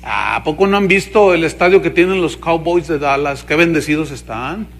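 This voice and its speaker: High-voiced Mexican pastor preaching. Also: male voice, normal speed. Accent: Mexican Spanish. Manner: animated, mocking, asks the congregation questions. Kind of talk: sermon.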